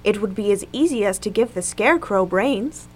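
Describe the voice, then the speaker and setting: A woman voicing a kind, timid young girl who speaks softly in a storybook reading. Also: mid-range voice, lively intonation, moderate pace, lightly acted. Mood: earnest. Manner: soft and timid.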